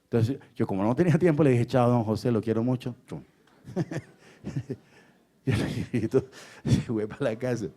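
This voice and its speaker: A man preaching a sermon, telling stories and moving from hushed whispers to loud impassioned cries. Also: medium pitch, moderate pace, long pauses. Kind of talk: sermon with storytelling.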